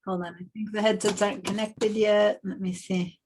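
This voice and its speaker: Chatty Argentinian teacher on a video call. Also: female voice, mid-range voice, flat delivery, normal speed, slight background noise. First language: Spanish. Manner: chatty, warm greetings, rambling asides. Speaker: illustration teacher. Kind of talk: online class instruction. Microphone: Bluetooth headset on video call.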